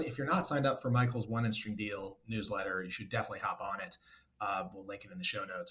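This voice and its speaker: A man's voice: fairly low pitch, a bit bright. A man co-hosting a podcast, reading out a deal summary in an upbeat, conversational way. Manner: upbeat, reads figures aloud conversationally. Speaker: podcast co-host. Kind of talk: casual podcast chat, reading deal notes.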